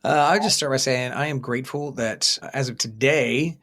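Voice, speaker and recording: Calm man in his forties. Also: medium pitch, moderate pace. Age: 40s. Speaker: podcast co-host. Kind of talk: casual podcast talk.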